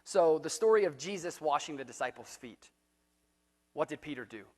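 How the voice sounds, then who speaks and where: A man with a slightly higher voice gives a relaxed, conversational sermon, full of fillers and restarts. His voice rings with a long church-hall reverb. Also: moderate pace. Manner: casual and chatty, with frequent fillers and restarts. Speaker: preacher. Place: church sanctuary.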